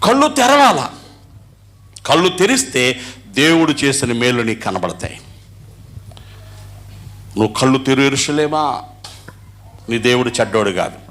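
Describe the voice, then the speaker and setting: Lively Telugu man preaching a sermon. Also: mid-range voice. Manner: call-and-response preaching, asks the congregation to answer; sings hymn lines slowly mid-sermon. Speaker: pastor. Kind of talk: Sunday sermon.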